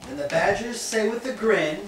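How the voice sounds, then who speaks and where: Woman, storybook narrator, slow expressive reading, distant home video, roomy, noisy background. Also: medium pitch. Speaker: narrator of a children's play. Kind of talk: reading a picture book aloud to children. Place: home birthday party, indoors.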